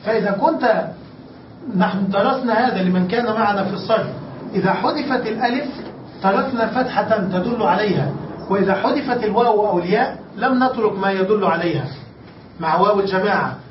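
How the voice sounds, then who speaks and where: A man with a high-pitched voice teaches a grammar lesson, slowly stretching out key words and regularly asking his class whether they have followed. He sounds far from the microphone in an echoey room. The recording is dull and lo-fi, with a faint hiss underneath. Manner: explains step by step, often checks understanding with the class. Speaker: sheikh teaching Arabic grammar.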